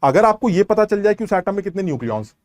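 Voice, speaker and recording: A man's voice: high voice, big pitch swings, fast, darkish tone, dry recording. A man teaching a chemistry lesson online, explaining step by step and quizzing students with rhetorical questions. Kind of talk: online class lecture.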